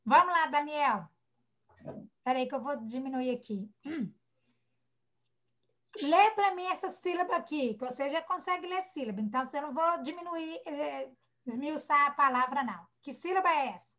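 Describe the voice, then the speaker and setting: Bright-voiced Brazilian teacher on a video call. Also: female voice, high-pitched, animated. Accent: Brazilian Portuguese. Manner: patient, sounds out syllables slowly, calls children "amor". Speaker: primary school teacher. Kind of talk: online class for young children. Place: home, online video class. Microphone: computer or phone mic on a video call. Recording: dull lo-fi video-call audio.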